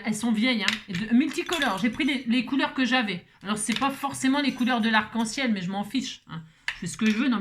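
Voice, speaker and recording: A woman's voice: medium pitch, a bit bright, slight background noise. A woman chatting playfully through a card-making tutorial, joking at herself with teasing asides. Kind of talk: crafting tutorial chat.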